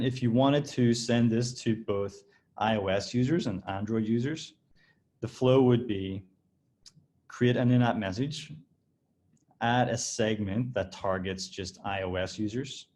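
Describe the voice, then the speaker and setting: Relaxed low-voiced man demoing software. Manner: relaxed, explanatory, with frequent restarts and fillers. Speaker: design director giving a product demo. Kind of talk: screen-share software walkthrough.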